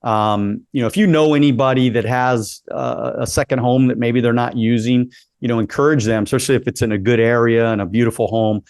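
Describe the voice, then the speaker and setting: A man's voice: mid-range voice, steady tone, fairly quick, darkish tone, clear, resonant tone, no echo. A man in his late forties hosting a casual interview, upbeat and encouraging, often repeating himself as he talks. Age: 40s. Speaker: podcast host.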